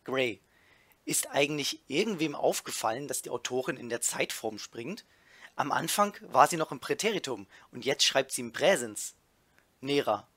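A man reading a fanfiction aloud in a deadpan way, naming each character before their line and adding mocking comments. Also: mid-range voice, no echo. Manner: reads character names as tags before lines, dry deadpan delivery. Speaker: reader of a fanfiction riff.

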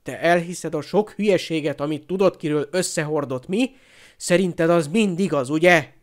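A man voicing a resentful teenage boy who hisses and shouts his outbursts. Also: fairly high pitch, close to an everyday voice. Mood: hostile.

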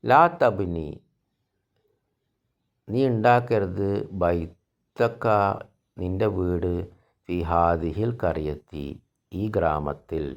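A man teaches an Arabic grammar lesson in a deep, low voice with a gravelly edge. He speaks slowly, reading each Arabic phrase and then explaining it in his own language. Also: darkish tone, lo-fi sound. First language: Malayalam.

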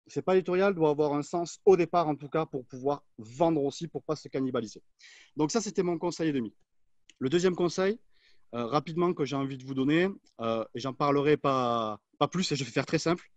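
A man's voice: a little high, brisk, no room sound, lo-fi sound. A man on a webinar panel giving expert advice in an assertive, structured way over a video call. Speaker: agency manager, panelist.

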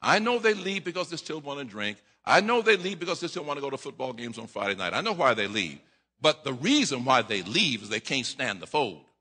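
Middle-aged male pastor, husky and sharp voice, dramatic sermon delivery, long church-hall reverb. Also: medium pitch, sing-song, fairly quick. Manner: dramatic preaching, acting out voices, stammering repeats, rising to shouts. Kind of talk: preaching a sermon. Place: church sanctuary at a lectern.

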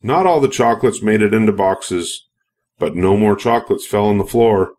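Older male storyteller, fairly low pitch, expressive picture-book read-aloud, scripted narration for children. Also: normal speed.

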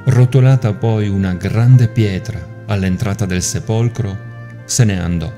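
A priest giving a measured, solemn liturgical scripture reading. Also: male voice, fairly low pitch, mellow. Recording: music playing underneath.

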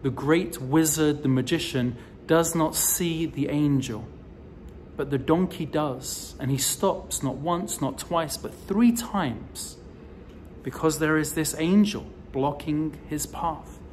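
A man in his forties giving a recorded sermon as a rabbi, telling the story slowly with emphatic rises, filmed close up on a phone indoors. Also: fairly high pitch, a little mellow, slight background noise. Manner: slow, deliberate storytelling delivery with emphatic rises. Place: indoors in front of a decorative wall. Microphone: phone or camera close to the face, selfie framing.

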